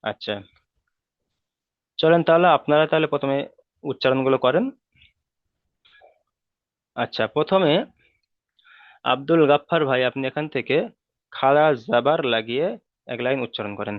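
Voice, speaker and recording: A man teaching in an online class, smooth and clear, patiently drilling letter sounds one by one. His voice is close and dry, coming through a thin, phone-like call line. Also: mid-range voice, no room sound. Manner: patient, repeats rules and drills letters slowly. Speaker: Quran reading teacher. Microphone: video call.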